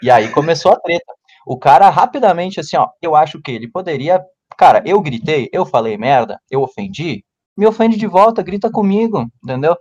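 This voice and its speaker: Animated man telling a story. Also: fairly quick, dull audio. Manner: animated, acts out quotes in a loud high voice. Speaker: podcast co-host. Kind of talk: casual storytelling chat.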